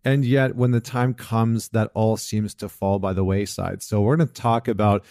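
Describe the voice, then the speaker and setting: This podcast host and men's coach has a lowish, warm voice with a steady tone and normal pace, captured dry at studio quality. Alone on his talk show, he speaks casually, reflectively and earnestly, stumbling through fillers and restarts, and at one point reads a passage.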